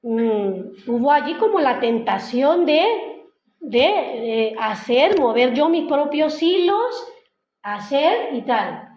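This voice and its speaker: A woman's voice: high-pitched, very animated, slow pace, a little mellow. Chatty woman preaching in an echoey hall. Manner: conversational, retells the story in her own words with frequent "¿no?" tags. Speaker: lay preacher. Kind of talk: informal church sermon. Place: church hall. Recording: echoey, muffled church hall recording.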